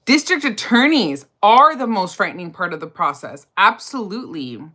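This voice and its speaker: A woman's voice: medium pitch, very animated, moderate pace, pushed and bright. A woman, chatting casually on a livestream while doing her makeup, answering viewer questions about criminal law with plenty of fillers and asides. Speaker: livestream host and criminal defense lawyer.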